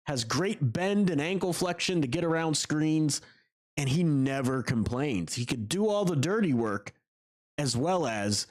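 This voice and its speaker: Male podcast host, slightly higher voice with a lively, bouncing delivery; casual sports talk. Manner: animated, quick to laugh, talks in long runs.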